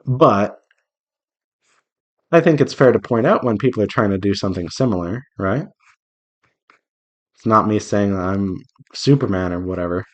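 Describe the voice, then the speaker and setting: Here a man who develops visual novels draws on stream, rambling playfully and casually to his viewers and himself in an indie devlog. He speaks in a lowish voice, unhurried and pausing often.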